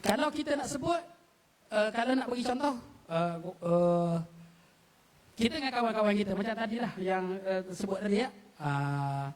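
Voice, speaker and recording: A man's voice: sits high, expressive, moderate pace. A man gives an explanatory forum talk on local dialect words. He quizzes the audience and chuckles often. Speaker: panel speaker on local dialect.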